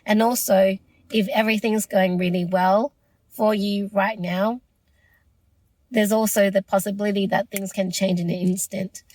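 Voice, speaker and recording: A woman with a mid-range, darkish voice hosts her own solo podcast, speaking at a moderate pace in a steady tone with no echo. She is losing her voice, yet she sounds earnest, reflective and encouraging throughout the monologue.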